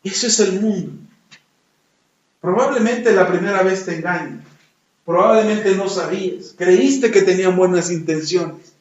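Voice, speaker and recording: A man's voice: high-pitched, a little slow. A man preaching a sermon and telling a fable, repeating phrases with emphasis. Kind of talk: sermon with storytelling. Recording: roomy echo, distant, dull lo-fi.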